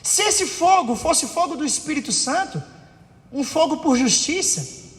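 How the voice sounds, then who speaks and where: The sermon comes in a very high, somewhat bright voice, unhurried and lively in intonation, under a church hall's long reverb. The man acts out family fights loudly and keeps asking the congregation whether they agree.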